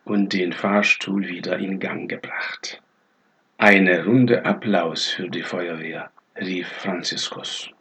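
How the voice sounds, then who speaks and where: A man reading a scripted news report in a measured, even delivery. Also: low voice, vocal fry, slight background noise. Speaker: news reader.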